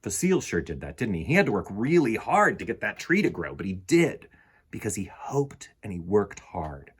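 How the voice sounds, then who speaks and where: In an indoor room lined with bookshelves, a middle-aged man with a husky, fairly low voice hosts and reads at a children's storytime. Speaking at a normal speed, he's expressive and theatrical, varying his delivery for young listeners.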